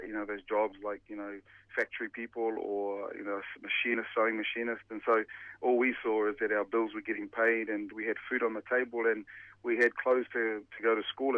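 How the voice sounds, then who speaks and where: A pastor in his forties and former rugby player, born and raised in New Zealand, answers radio interview questions thoughtfully, with many fillers and restarts. His voice is lowish, and the sound is phone quality with no echo.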